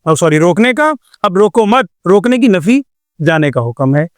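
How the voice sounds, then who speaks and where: A man's voice: high-pitched, big pitch swings, no echo, clean studio sound. An older man from Pakistan teaching Quran recitation in a patient classroom lecture, explaining with repeated examples and rhetorical questions.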